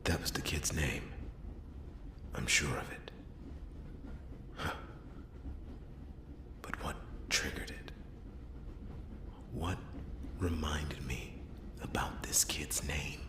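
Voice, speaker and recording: A man voicing a world-weary noir detective in a whispered role-play, brooding and halting, with dramatic pauses and a gravelly, breathy voice. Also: very deep voice, echoey room. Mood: searching, uneasy. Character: world-weary male noir detective piecing together a murder.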